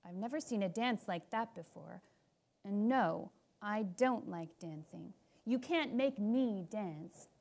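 A woman voicing a grumpy, stubborn male runaway in a storybook, speaking in slow, huffy lines. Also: mid-range voice, lively intonation, gravelly, darkish tone, heavily acted. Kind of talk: storybook narration.

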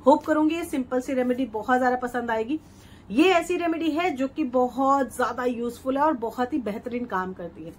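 A woman's voice: sits high, moderate pace, slightly rough. A middle-aged woman vlogger giving a chatty, persuasive home-remedy skincare tutorial, often repeating her steps. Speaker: beauty vlogger.

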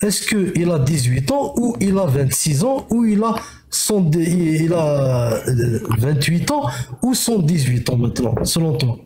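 A man's voice: on the high side, big pitch swings, measured pace, warm tone, roomy sound. A middle-aged man in a heated live-stream debate, lecturing with scornful rhetorical questions over a video call. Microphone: headset, video call.

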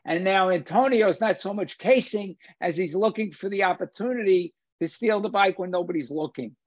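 On a dull, lo-fi video call picked up by a computer at desk distance, an older man in his 60s or 70s hosts a film discussion as lecturer. His voice is high-pitched, his speed normal, and the recording dry. He's emphatic, repeating phrases for stress.

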